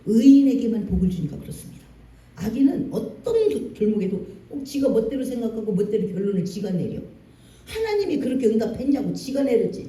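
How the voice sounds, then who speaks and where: A pastor preaching a Sunday sermon, lively and colloquial, acting out scenes with jokes and emphasis. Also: mid-range voice. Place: church sanctuary. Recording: distant echoey church hall.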